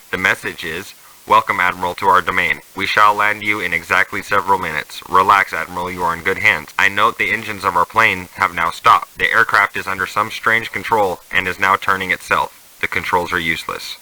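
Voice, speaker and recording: Low-voiced man reading a journal aloud. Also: bright, forceful tone, poor audio. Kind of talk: first-person journal reading.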